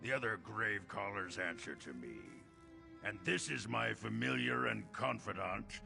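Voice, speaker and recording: Gravelly, sinister necromancer. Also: male voice, fairly low pitch, expressive, music in the background, exaggerated voice. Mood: smug, menacing. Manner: menacing, drawn-out, theatrical. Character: sinister, smug necromancer, servant of a queen. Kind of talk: video game character acting.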